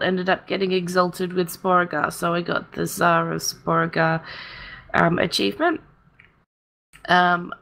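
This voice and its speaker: A woman co-hosting a casual podcast, her voice husky from feeling a bit unwell, chatty and quick to giggle. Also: mid-range voice, a bit bright. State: husky, a bit under the weather. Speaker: co-host.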